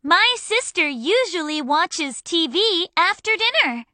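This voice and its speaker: Female lesson reader, very high voice, slow careful enunciation. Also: sing-song, pushed and bright, no room sound. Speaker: English model reader. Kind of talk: reading example sentences for a lesson.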